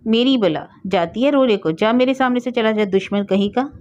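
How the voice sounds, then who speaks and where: Woman doing furious scolding aunt, sharp-tongued, raised pitch, dull lo-fi sound. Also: normal speed, natural voice. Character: angry scolding middle-aged aunt.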